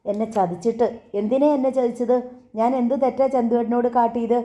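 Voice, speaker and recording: Jealous childlike young wife voiced by a woman, pleading, tearful, storybook reading, mellow tone, dull audio. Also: on the high side, steady tone, fairly quick, natural voice. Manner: pleading, wailing accusations.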